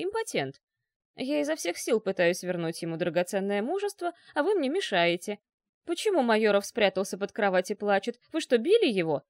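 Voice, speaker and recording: A woman's voice: on the high side, no room sound, studio quality. A woman voicing a fussy, chattering middle-aged male doctor who talks in a wheedling way.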